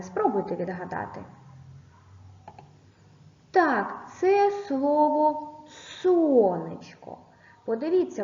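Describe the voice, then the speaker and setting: Woman teacher for a kids' video lesson: patient, lively pitch that rises and falls, speaks slowly. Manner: patient, slow dictation, spells out sounds and syllables. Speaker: primary school teacher. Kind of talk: recorded video lesson for children. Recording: echoey room, dull lo-fi sound.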